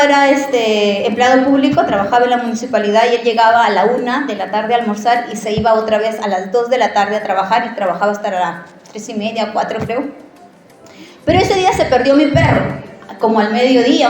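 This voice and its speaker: A woman preacher giving a sermon in a church, telling a personal story in an animated, conversational way and often asking the listeners questions. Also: fairly high pitch, fairly quick, few pauses, very echoey, soft background music.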